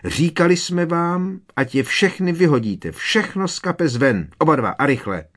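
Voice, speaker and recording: A man voicing a stern, scolding middle-aged witch mother with a shrill, sharp manner. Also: close to an everyday voice. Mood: angry scolding.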